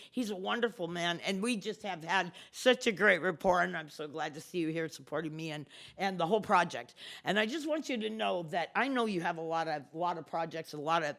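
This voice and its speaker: A woman's voice: fairly low pitch, vocal fry, a bit bright. A woman in her sixties, a tenant giving an emotional, passionate speech at a housing opening, laughing through her tears. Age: 60s.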